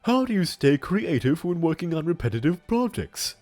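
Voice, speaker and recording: Man acting a brisk, formal job interviewer. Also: on the high side, very animated, a little mellow, soft background music, voice pushed up. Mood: businesslike. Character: businesslike male job interviewer, brisk and mildly exasperated. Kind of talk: comic dramatic reading.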